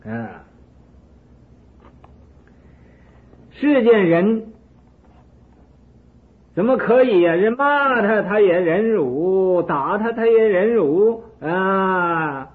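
A man voicing a jealous, hot-tempered ancient king who shouts his taunts, heard through a narrow phone-like recording. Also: medium pitch, lively intonation, measured pace, natural voice. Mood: angry.

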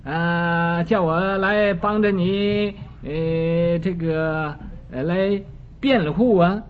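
A quarrelsome old lawyer, played by a man telling a story, protests and argues every point. The voice sits fairly high and the pace is slow. The sound is dull, with a faint hiss behind it. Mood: protesting. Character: indignant old male lawyer, argumentative.

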